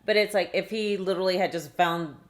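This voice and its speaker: A woman's voice: fairly low pitch, brisk. A middle-aged woman, a guest and the host's mother, talking in casual chat in a supportive, reflective way. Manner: supportive, reflective, with a lot of agreeing.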